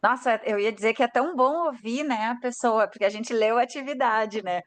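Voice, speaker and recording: Higher-voiced woman hosting a workshop call. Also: a little fast. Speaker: workshop host. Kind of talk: casual hosting on a video call. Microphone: video call.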